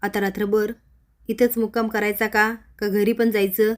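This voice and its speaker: A woman's voice: medium pitch, flat delivery, normal speed, lightly acted. A commanding middle-aged officer barks orders at the family, as a woman storyteller reads his lines. He is blunt and bossy in this storybook recap.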